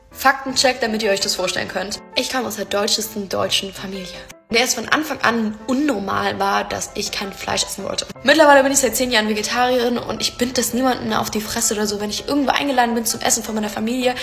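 A young woman talks straight to camera in a storytime vlog, firing off an indignant rant at a rapid clip. Her voice sits a little high, and she sprinkles casual swearing and English slang through it. Faint music plays underneath. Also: a bit bright. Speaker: content creator.

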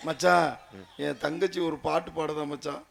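A man plays the bride's brother on an outdoor stage, coaxing and pleading with the groom. His voice sits high with a gravelly rasp. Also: flat delivery, moderate pace. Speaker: actor playing the bride's brother. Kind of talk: village stage comedy.

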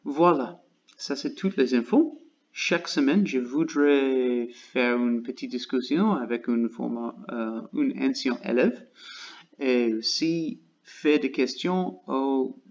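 Slow, halting American man speaking French. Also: medium pitch, a little mellow, lo-fi sound. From United States. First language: English. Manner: halting learner's French, searching for words with many pauses. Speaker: channel host. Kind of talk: casual vlog update.

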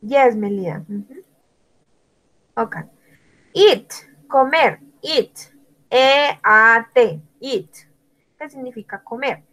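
Slow, high-voiced woman teaching English. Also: animated, fairly bright tone, rough recording. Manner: slow, spells out words letter by letter; calls on students by name and praises them. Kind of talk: online language lesson.

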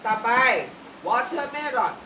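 A woman kindergarten teacher running a classroom vocabulary drill. She repeats each word slowly and coaxes the children while staying firm. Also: a little high, expressive. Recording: echoey room from far off, clear noise.

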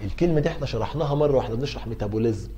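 A man's voice: mid-range voice, expressive, rapid-fire, dark tone, slight background noise. A middle-aged man with an Egyptian accent giving a university pharmacology lecture, asking and answering his own questions to coax his students along. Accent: Egyptian Arabic.

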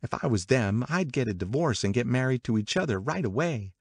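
A man voicing a gossipy, worldly young woman in an audiobook, confiding and excitable in manner. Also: mid-range voice, brisk, husky, dry recording, clean studio sound, pitched above the performer's own voice. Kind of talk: audiobook character dialogue.

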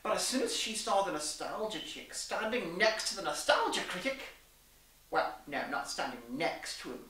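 A young woman reads a story aloud with a theatrical, arch, mock-genteel flair, her lowish voice very animated and fairly bright at a moderate pace. She's in a small indoor room, picked up by a distant mic with plenty of echo.

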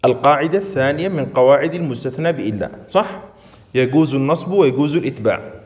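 A man's voice: medium pitch, lively intonation, a little mellow. Man teaching in an echoing hall. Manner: checks understanding with frequent questions to students; slows down and stresses words when reading out examples. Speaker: grammar teacher. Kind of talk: classroom lesson.

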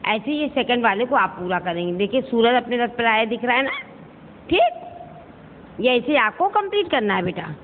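A woman's voice: on the high side, big-room sound, slight background noise. Patient teacher woman, tinny phone audio. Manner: patient, addresses pupils as "beta", repeats slowly for dictation. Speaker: school teacher. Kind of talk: online class lesson.

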